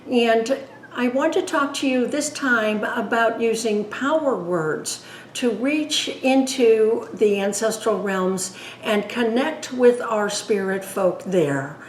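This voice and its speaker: Slow, gentle woman guiding a meditation. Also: fairly high pitch. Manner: calm, gentle, unhurried guidance. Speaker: spiritual teacher and author. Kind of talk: guided meditation. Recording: roomy echo, faint background noise.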